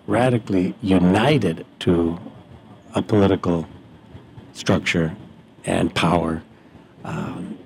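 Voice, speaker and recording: A man, a priest, sitting in as host of a radio talk show, speaking in a halting, thoughtful way with many pauses and fillers. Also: low-pitched, creaky, a little mellow, slight background noise.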